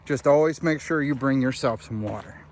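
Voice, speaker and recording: Out of breath as he climbs a hilly country road outdoors, a young man narrates his walking vlog, chatting to viewers as friends and dudes. His mid-range, darkish voice moves at normal speed over slight background noise.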